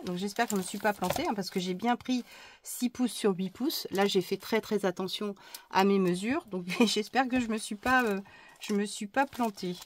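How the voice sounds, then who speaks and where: A woman talking casually through a crafting haul, chatty and hesitant with many fillers and restarts, often dropping into soft asides. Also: mid-range voice, a little hiss or hum. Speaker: crafting vlogger.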